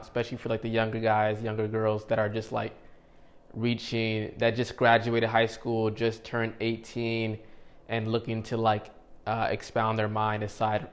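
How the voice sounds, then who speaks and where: A man of thirty-one giving a casual, rambling motivational talk to camera as a vlogger, with many fillers and restarts. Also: fairly low pitch. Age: 30s.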